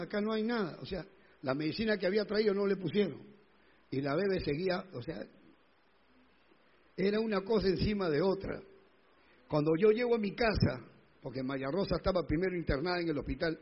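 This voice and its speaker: A male pastor telling a personal testimony in a sermon, emotional and rising to loud pleading. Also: high-pitched, breathy edge, muffled recording.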